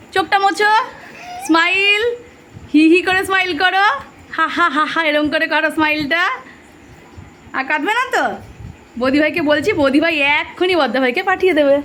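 A woman's voice: extremely high pitch, fairly bright tone. A woman filming a small child at home, teasing him and then comforting him. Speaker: family member filming a child. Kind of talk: casual home video chat.

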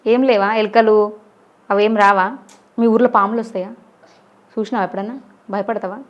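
A woman interviewer asking a child quick, coaxing questions in a casual interview. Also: medium pitch, steady tone, muffled recording.

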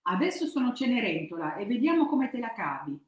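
A woman's voice: on the high side, very animated, fairly quick, pitched above the performer's own voice. A woman voicing a bold, cheeky little girl with a spirited, defiant way of talking. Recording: echoey room.

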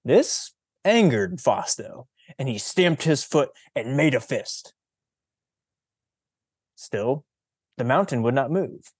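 A man reading a picture book aloud during a presentation in a deliberate, teacherly storytelling manner. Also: mid-range voice, husky, no echo, clean studio sound.

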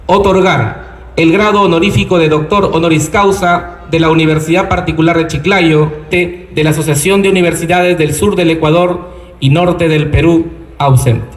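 A man's voice: a little high, steady tone, normal speed, very echoey. A man acting as master of ceremonies, making formal announcements at a ceremony. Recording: distant PA over loud crowd and music.

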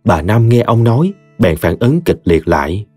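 A man with a Mekong Delta Vietnamese accent narrating a humorous story in a lively, expressive way. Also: on the low side, moderate pace, slightly rough, no echo. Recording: dry close studio voice, soft music behind.

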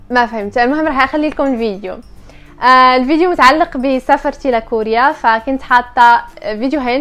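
Young Moroccan woman, casual vlog chat, quick and slightly high. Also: a bit bright. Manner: chatty, mixes English words. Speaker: vlogger.

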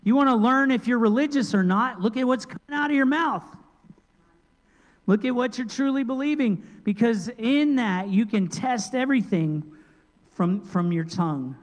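High-voiced preaching man in reverberant church. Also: normal speed. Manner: lively preaching, jumps between loud emphasis and quiet asides. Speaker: pastor. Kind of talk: sermon. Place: large church sanctuary. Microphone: handheld microphone.

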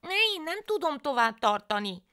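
A woman's voice: high-pitched, very animated, bright, forceful tone, pitched above the performer's own voice, heavily acted. A woman voicing a foolish, cheerful young peasant wife in a folk tale, with naive, pleading speech.

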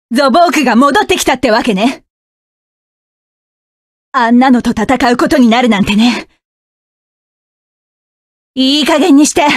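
An actress with a high, sharp, commanding voice plays a fierce, cold young female mecha pilot in a game, delivering curt, commanding battle lines. The audio is studio quality with no echo.

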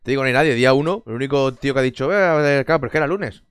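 A man's voice: medium pitch, rapid-fire, smooth, no room sound. A man from Spain chatting casually on a live stream, answering chat with sarcastic jokes, frequent swearing and bursts of laughter.

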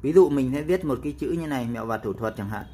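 A man explaining a phone app step by step in a casual tutorial, with frequent pauses and fillers. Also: medium pitch, lively intonation, warm tone, breathy edge.

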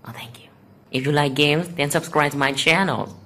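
A man's voice: on the high side, moderate pace, bright, forceful tone. A young man vlogging on a phone at home, sarcastically reading out comments and answering them in a mock-offended manner. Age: teenager or young adult. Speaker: YouTuber. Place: small room at home, indoors.

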